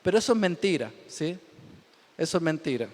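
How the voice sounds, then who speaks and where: A pastor from Chile preaching a humorous sermon from the pulpit, joking, laughing often and repeating himself for emphasis. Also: male voice, a little high, sing-song, fairly quick, darkish tone. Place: church pulpit. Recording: reverberant church hall.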